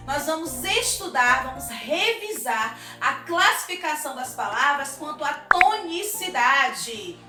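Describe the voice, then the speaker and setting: A woman's voice: high voice, bright, forceful tone, recorded from a distance. A Brazilian woman teaching a recorded video lesson for children, upbeat, stretching out syllables as she sounds out words. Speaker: primary school teacher. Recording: echoey room, voice off-mic, music behind.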